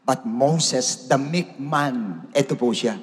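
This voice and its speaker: A Filipino man preaching a sermon, dramatic, swinging from shouts to hushed asides, in a church hall. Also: medium pitch, takes it slowly. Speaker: pastor. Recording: long reverb of a church hall.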